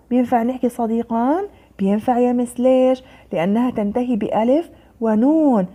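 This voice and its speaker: Brief: young female teacher, slow sing-song quizzing of kids, mellow and a touch high. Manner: slow, sing-song questioning then answering herself. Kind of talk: online language lesson for young children.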